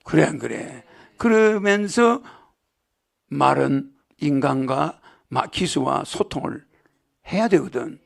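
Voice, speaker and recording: A man's voice: a little high, lively intonation, takes it slowly, vocal fry, pauses often. A man giving a lecture to a live audience, rambling and joking, often asking the crowd rhetorical questions. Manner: jokes and laughs with the audience. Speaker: spiritual lecturer.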